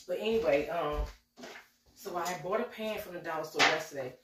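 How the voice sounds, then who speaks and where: A cooking vlogger in her forties, slightly sick with a cold, chats casually to her viewers, calling them y'all, from her home kitchen. Her voice is on the low side at a moderate pace, and with the camera a few steps away the audio is very noisy and has a roomy echo.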